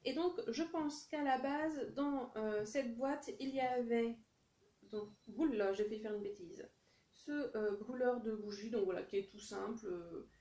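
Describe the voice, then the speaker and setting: A French woman chats through a casual haul vlog, full of little hesitations and fillers. Her voice is fairly high but mellow and soft-edged. The room around her rings with a noticeable echo. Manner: chatty, hesitant with many fillers; reads English product names in a deliberate French accent. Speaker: vlogger showing a haul.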